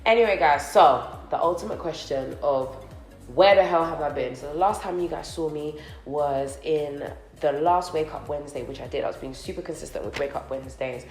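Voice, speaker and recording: A young woman with a low, darkish voice vlogs casually while doing her makeup, chatting with viewers like friends and sounding somewhat nasal from a cold. She speaks at a moderate pace in an echoey indoor co-working office, with soft music in the background.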